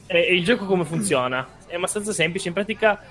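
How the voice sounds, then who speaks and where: A man's voice: high-pitched, animated, fast talker, fairly bright tone. A man co-hosting a casual chat, explaining in a colloquial way with trailing asides. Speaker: podcast co-host.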